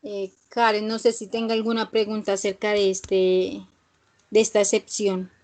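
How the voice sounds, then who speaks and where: A woman's voice: mid-range voice, little pitch movement, normal speed, darkish tone. A woman teaching an English grammar class, explaining patiently and checking in with "¿sí?" after each point.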